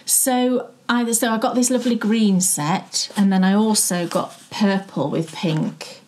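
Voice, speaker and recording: A woman's voice: mid-range voice, fairly even intonation, measured pace, darkish tone. A middle-aged woman from South Yorkshire chatting casually about yarn as co-host of a knitting show, musing aloud with restarts. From South Yorkshire, England. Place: living room with yarn shelves, indoors.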